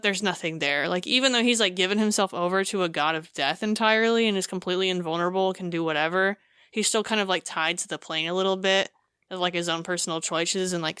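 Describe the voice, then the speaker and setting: Bright, clear-voiced woman telling a story. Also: fairly low pitch, a little fast, dry recording, studio quality. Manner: animated storytelling with many fillers. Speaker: podcast co-host. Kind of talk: casual chat.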